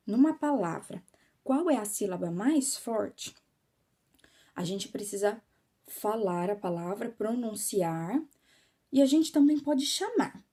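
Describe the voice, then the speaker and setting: A woman with a Brazilian Portuguese accent teaching a class to children, explaining slowly and patiently and often checking that they follow. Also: on the high side, dark tone.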